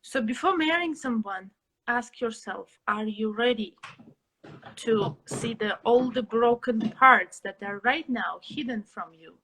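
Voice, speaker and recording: A young woman from Russia, an interview guest who answers thoughtfully, pausing to find her words. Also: fairly high pitch, sharp tone, slight background noise, poor audio. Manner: reflective, pauses to find words.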